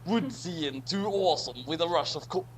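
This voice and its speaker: A man hosts a casual group reading of fan fiction, commenting as he goes and tripping over garbled text. His voice sits on the high side with lively intonation and a moderate pace. Background music plays, with slight background noise.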